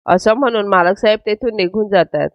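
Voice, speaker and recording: A woman retelling a TV serial episode in steady storytelling narration, in a dull, dry, lo-fi recording. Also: medium pitch, fairly quick, no room sound.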